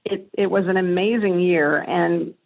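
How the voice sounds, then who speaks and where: A woman's voice: lowish voice, fairly even intonation, a little slow, gravelly. A woman being interviewed on a podcast, talking earnestly and thoughtfully with frequent restarts. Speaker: interview guest, past association chair. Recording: tinny phone-like remote line.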